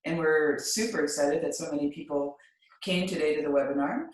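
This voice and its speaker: A co-host chatting upbeat and enthusiastically on a video call, with a slightly hoarse morning voice. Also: mid-range voice, brisk, heavy reverb, distant mic, poor audio. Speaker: co-host of the webinar. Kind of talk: casual chat on a video call.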